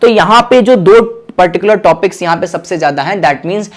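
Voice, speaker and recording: A young man teaching an online exam-prep lesson, coaching and reassuring his students and stretching key phrases out slowly for emphasis. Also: high voice. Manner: coaching and reassuring, calls listeners "children"; mixes English terms into Hindi, stretches key phrases slowly. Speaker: commerce teacher.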